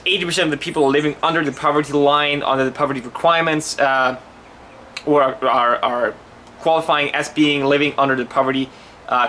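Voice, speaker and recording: A man from Denmark, likely in his thirties, talks through markets in a casual explainer style. His voice is bright and forceful, pitched a little high, and he often stumbles, repeats words and restarts sentences. A faint hiss of noise sits under the recording. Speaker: crypto channel host.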